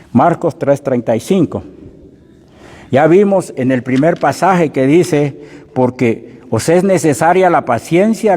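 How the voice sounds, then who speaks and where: A man delivers a sermon in a long, ringing reverb, and his voice sits fairly high but sounds mellow and dark. He speaks to his listeners as brother and sister. He slows down to stress the scripture he reads aloud. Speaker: preacher.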